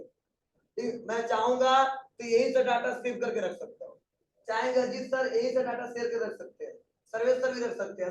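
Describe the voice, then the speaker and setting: High-voiced man lecturing a class. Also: far from the mic, slight background noise. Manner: conversational, asks the class questions. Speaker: computer teacher. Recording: echoey room, voice from afar.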